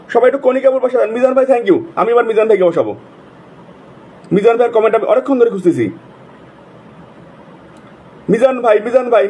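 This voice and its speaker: A man hosting a live stream, repeatedly calling out viewers' names in rapid, repetitive bursts. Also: extremely high pitch, darkish tone, breathy edge. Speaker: livestream host. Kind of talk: casual live-stream shout-outs.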